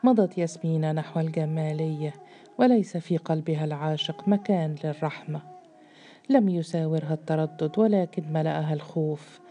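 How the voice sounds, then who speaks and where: A woman narrating a literary audiobook in a measured, even reading. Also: sits low, a little hiss or hum.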